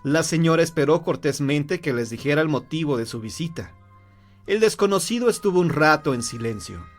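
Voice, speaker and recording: A man narrating a horror tale in a measured, grave storytelling voice. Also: a little high, lively intonation, soft background music.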